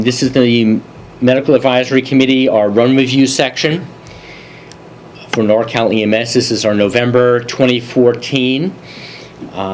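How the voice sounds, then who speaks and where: A man presenting a continuing education review of emergency calls, relaxed and conversational with dry asides. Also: medium pitch, a little hiss or hum, low-quality recording. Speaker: EMS medical advisory presenter. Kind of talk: case review lecture.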